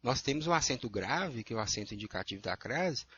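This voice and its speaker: A man's voice: medium pitch, lively intonation, fast talker, a bit bright, breathy edge, no room sound, highs cut off. A man with a Brazilian Portuguese accent, a teacher going through worksheet answers and checking in with his students often. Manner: explanatory, checks in with frequent "tá?" and "né?".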